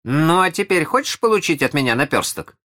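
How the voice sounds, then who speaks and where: A high, eager storybook boy, put on by a man reading aloud, full of mischief and cunning. He coaxes and wheedles in bright, excited bursts, his voice leaping all over the place. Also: brisk. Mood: boyish. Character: eager cunning young boy who never grows up.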